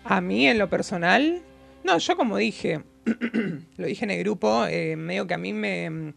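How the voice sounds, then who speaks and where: A man's voice: high-pitched, lively intonation, measured pace, gravelly, fairly bright tone, soft background music. A young man with an Argentine accent, gushing on a talk panel, with a voice he says sounds close to tears. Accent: Argentine Spanish. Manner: gushing, emphatic. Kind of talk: casual panel chat.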